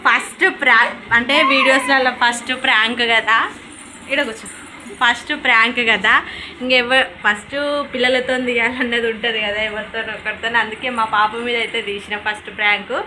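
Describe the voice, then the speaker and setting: Young woman, coaxing sing-song to a child, high voice, echoey noisy home room. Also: flat delivery, brisk. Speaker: vlogger mother. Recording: echoey room with background noise.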